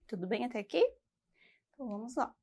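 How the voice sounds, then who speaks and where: A woman's voice: fairly high pitch, lively intonation, quick pace, gravelly, a little mellow, slightly rough. Patient Brazilian woman teaching a lesson. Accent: Brazilian Portuguese. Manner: patient, explanatory, frequent "tá?" check-ins. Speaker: English teacher. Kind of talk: educational video lesson.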